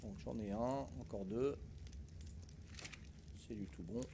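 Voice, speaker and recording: A man's voice: on the low side, slow, very noisy. An older man from Corsica, casually talking viewers through a survival game as he plays, chatty and folksy, with lots of hesitations and tag words. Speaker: gaming streamer. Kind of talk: casual live gameplay commentary.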